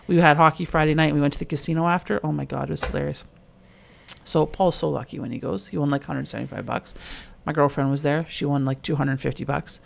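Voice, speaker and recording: A middle-aged woman co-hosting a podcast, talking in loose, animated stories. Her voice has a gravelly fry at the ends of phrases. She leans on "like" constantly as she chats. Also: sits low, fast, slight background noise. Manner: chatty, fillers of "like", animated storytelling. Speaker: podcast co-host. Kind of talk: casual chat.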